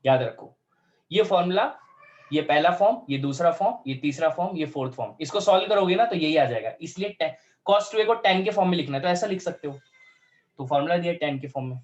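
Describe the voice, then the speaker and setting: A man teaching a math lesson in Hindi with English terms, working through steps aloud and slowing down to dictate formulas. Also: fairly high pitch, lively intonation, highs cut off. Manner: talks through steps aloud, checks in with students often; slows right down to dictate formulas.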